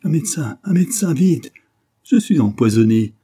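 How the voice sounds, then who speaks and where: A man doing a hoarse poisoned duke. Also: mid-range voice, lively intonation, fairly quick. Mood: agonized fury. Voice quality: hoarse, shouting. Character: poisoned aristocratic duke, furious and commanding.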